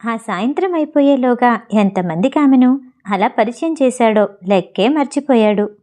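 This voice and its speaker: Female audiobook narrator, slightly high, warm mellow voice, plain storytelling read. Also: lively intonation, normal speed. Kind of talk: reading a novel aloud.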